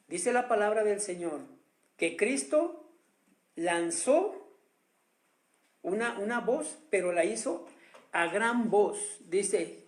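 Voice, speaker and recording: Emphatic preacher, slow and roomy. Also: medium pitch, darkish tone. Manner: emphatic, repeatedly addresses listeners as brothers; drawn-out stresses on key words. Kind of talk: sermon. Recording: roomy echo.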